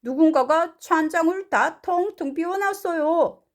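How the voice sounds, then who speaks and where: A woman's voice: very high-pitched, measured pace, voice pushed up. A woman voicing a startled, worried father in a picture-book read-aloud, exclaiming in alarm.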